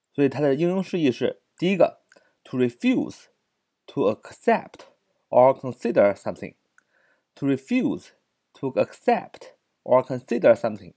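Male English teacher for an audio vocab lesson; animated pitch, dry close sound, repeats and spells words, lots of "ah" fillers. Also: slightly rough, dry recording. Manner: repeats words and spells them out slowly letter by letter; frequent drawn-out "ah" fillers between phrases.

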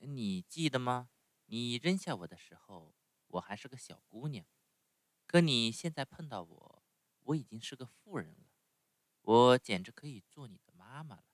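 A man voicing a gentle, motherly fairy woman in a calm, soft way of speaking. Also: medium pitch, normal speed, no echo, pitched above the performer's own voice, lightly acted.

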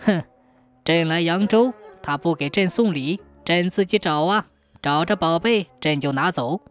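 A woman's voice: lowish voice, measured pace, faint music behind, voice pushed down, natural voice. A woman voicing a jovial, greedy male emperor who laughs and teases his officials. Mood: playful regal. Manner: laughing, mock-regal. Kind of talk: storytelling with acted dialogue.

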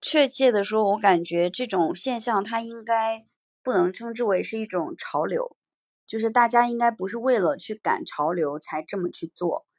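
A woman's voice: mid-range voice, moderate pace, dry recording. A woman hosting a casual livestream discussion, reflective, reading out viewer comments and musing on them. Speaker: podcast host.

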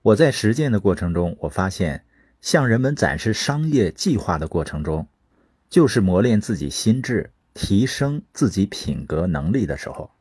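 A man speaks in an earnest motivational monologue, his voice low and a little breathy. His delivery swings widely in pitch, and the sound is close and dry. He draws listeners in with rhetorical questions. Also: very animated, normal speed, a little mellow, no room sound.

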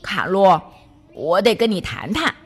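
Woman voicing a fatherly storybook creature, firm and earnest, lively pitch. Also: measured pace, soft background music. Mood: serious. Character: kind, serious fatherly male creature.

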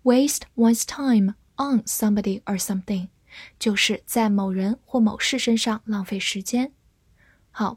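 A woman teaches English vocabulary in a scripted lesson. Her voice sits slightly high with a soft, breathy edge. She moves very slowly and spells out each word. The sound is dry and close. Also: no room sound. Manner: slow, deliberate spelling and repetition of English words.

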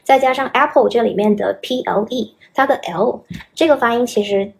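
A woman's voice: on the high side, moderate pace, creaky. A young woman talks as a podcast guest, explaining how to shape English sounds. She is patient and instructive, demonstrating words as a teacher would. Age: young adult.

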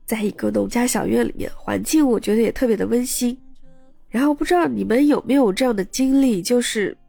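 A woman's voice: a little high, brisk, gravelly, mellow, husky, dry recording, faint music behind. A woman podcast host casually retelling a story, chatty, with personal asides to her listeners.

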